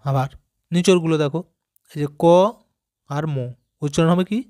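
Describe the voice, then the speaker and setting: A man gives a patient reading lesson to small children. He sounds out each letter slowly and keeps asking gentle questions to check they follow along. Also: on the high side, steady tone. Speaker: teacher. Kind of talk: primary school reading lesson.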